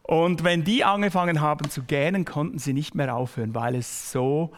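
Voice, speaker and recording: With a long reverb tail around him, a male pastor addresses his congregation directly and personally in a sermon, his pitch fairly high. He frequently slows down and drops almost to a whisper to stress a point.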